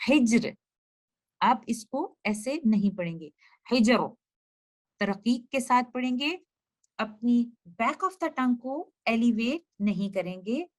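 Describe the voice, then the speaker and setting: A woman with a fairly high voice teaches the rules of Quran recitation at an unhurried pace. She explains each rule step by step and draws out every example word slowly, repeating it so it can be heard clearly. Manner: slow, drawn-out demonstrations of example words, repeating them. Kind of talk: slide-based tutorial explaining pronunciation rules.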